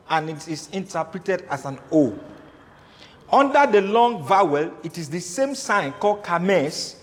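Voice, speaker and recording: Man teaching a class, high voice, says things twice, echoey hall sound. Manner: repeats points, asks the class questions. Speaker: Hebrew teacher. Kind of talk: classroom lecture.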